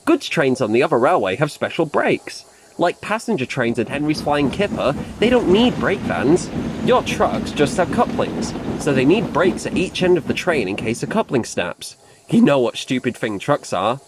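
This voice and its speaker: A man's voice: fairly high pitch, sing-song, moderate pace, background noise. A man voicing a patient engine driver who explains and scolds. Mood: explaining.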